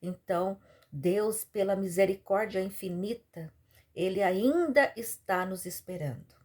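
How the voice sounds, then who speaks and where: Emotional woman preaching. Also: unhurried. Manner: emotional storytelling, sudden swings in pitch and loudness. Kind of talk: sermon.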